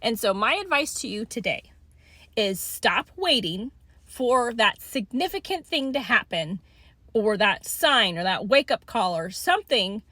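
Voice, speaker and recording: A woman's voice: fairly high pitch, very animated, unhurried, sharp tone, no echo. A middle-aged woman in a blunt, swearing tough-love rant to her viewers, often asking "okay?" between points. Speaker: vlogger. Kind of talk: ranting monologue to camera.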